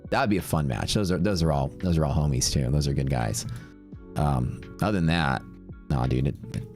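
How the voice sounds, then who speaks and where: This Texas-accented man has an extremely low, darkish voice. Streaming live day trades, he keeps up a casual, brash running chat with his audience.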